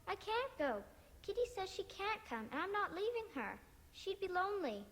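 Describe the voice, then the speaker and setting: A woman voicing an innocent, excitable little girl in a video game, with a childlike, guileless way of talking. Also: very high-pitched, moderate pace, heavily acted. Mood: stubborn. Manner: childlike, guileless, sing-song. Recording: hall reverb, faint noise, game audio capture.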